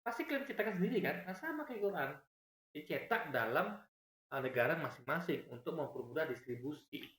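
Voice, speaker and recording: Animated man arguing in an echoey room. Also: a little fast. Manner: argumentative, explains with repeated asides, swings pitch widely. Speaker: commentator reacting to a video. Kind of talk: animated reaction commentary.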